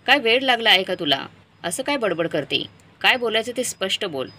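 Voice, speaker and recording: A woman voicing an angry, scornful middle-aged husband who shouts at his wife and daughter. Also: medium pitch, very animated, fairly quick, a little hiss or hum.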